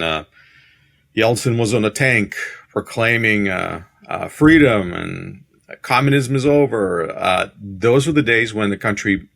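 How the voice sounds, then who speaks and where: A middle-aged Siberian man with a Russian accent tells his life story as a podcast guest, speaking in a halting, reflective, conversational manner. His voice is lowish and gravelly, yet a bit bright.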